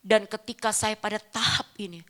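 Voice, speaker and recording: A middle-aged woman pastor, preaching a sermon that moves between hushed, slow testimony and loud, emphatic exhortation. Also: medium pitch, fairly even intonation.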